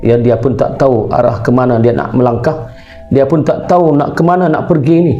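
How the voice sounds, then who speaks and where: A man tells a moral tale in a mellow, dark-toned voice. He narrates dramatically, looping back over phrases with a filler "ya". Soft music plays quietly underneath. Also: mid-range voice, fairly even intonation, a little fast, muffled recording. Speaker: storyteller. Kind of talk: religious storytelling narration.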